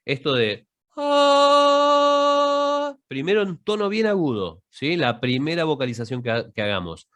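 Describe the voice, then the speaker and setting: A man's voice: mid-range voice, big pitch swings, brisk, few pauses. A man teaching an online public speaking class, explaining breathing and demonstrating vowel exercises over a video call. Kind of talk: online masterclass with vocal demonstrations.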